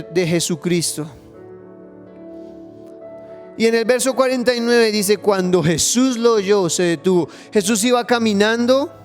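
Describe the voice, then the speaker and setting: A male pastor preaching an online church sermon emphatically and dramatizing the Bible passages he reads. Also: high-pitched.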